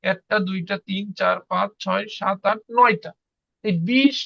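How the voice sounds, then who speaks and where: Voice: medium pitch, unhurried, creaky, no echo, muffled recording. Patient teacher. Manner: patient, repeats each word and drills learners to say it back. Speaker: language teacher. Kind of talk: online class lesson.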